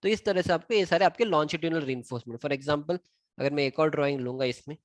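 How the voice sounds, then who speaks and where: At a moderate pace and a slightly high pitch, a man with an Indian accent teaches civil engineering drawings via screen recording. He blends Hindi with English and tallies items aloud as he points them out, and the sound has no echo.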